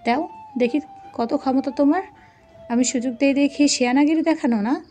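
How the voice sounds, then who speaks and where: A woman's voice: high-pitched, normal speed, mellow, soft background music, close to an everyday voice. A woman voicing a hot-tempered, jealous young husband who speaks in angry, clipped threats. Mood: furious.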